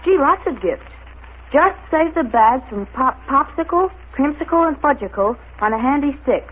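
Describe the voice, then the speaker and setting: A woman's voice: high voice, lively intonation, normal speed. A woman voicing an eager, wholesome boy in a gee-whiz 1930s radio advertisement, on a muffled old recording. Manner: gushing, gee-whiz enthusiasm.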